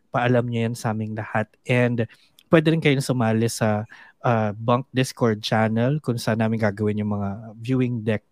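A man's voice: mid-range voice, no echo. Giggly man hosting a podcast, dry sound. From Philippines. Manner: giggly, mixes Tagalog and English. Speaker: podcast host. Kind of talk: casual podcast chat.

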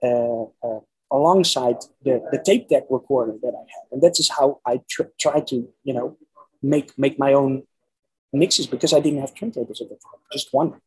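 A husky, slightly mellow, medium-pitched voice belongs to a Dutch man in his forties who speaks English as a second language with a Dutch accent, at a moderate pace. As an interview guest, he casually shares personal stories about his musical past, repeating words as he hunts for them, on a rough recording.

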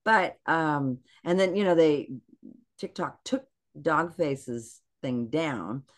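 A woman guest in casual podcast chat, animated and acting out quotes in lively voices. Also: low-pitched, slow.

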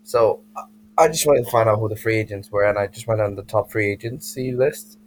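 A young man co-hosting a casual sports chat, speaking in a dry, measured way. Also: lowish voice, slight background noise, low-quality recording. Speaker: podcast co-host.

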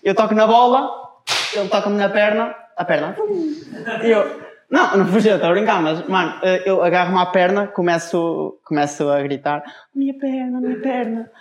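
A man's voice: high-pitched, normal speed, roomy sound. A young man with a European Portuguese accent, co-hosting a casual chat and telling stories with slang and sound effects. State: leg in a cast. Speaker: podcast co-host.

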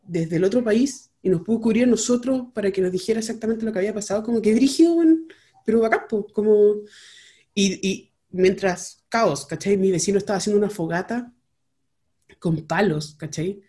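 Chilean woman vlogger, casual slangy storyteller, mellow warm tone. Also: mid-range voice, brisk. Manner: chatty, rambling, heavy slang and fillers.

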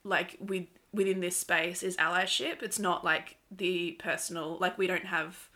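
A woman's voice: on the low side, fairly even intonation, unhurried, sharp tone. A woman co-hosting a podcast, speaking earnestly and filling her sentences with "like" and "sort of". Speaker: podcast co-host. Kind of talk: casual podcast conversation.

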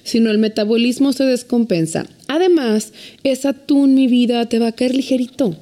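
A woman's voice: fairly high pitch, moderate pace, warm tone. A woman actor playing a mother who speaks tenderly and affectionately to her daughter. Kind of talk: scripted drama acting.

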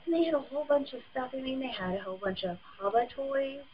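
A woman co-hosting a casual chat, chatty and quick to laugh. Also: sits high, animated, dull audio. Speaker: podcast co-host.

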